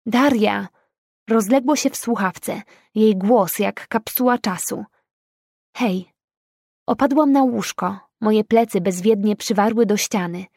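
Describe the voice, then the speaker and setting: A young woman narrates a novel in the first person with a calm, measured, inward delivery. Her voice sits in a middle register for a woman. The recording is dry and close, from a quiet booth. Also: mid-range voice, dry recording. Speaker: audiobook narrator.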